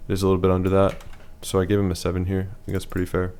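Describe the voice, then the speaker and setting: A man's voice: deep voice, monotone, racing, darkish tone, smooth. A man losing his voice, giving a casual, matter-of-fact voice-over that rates features one by one. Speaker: facial analysis presenter.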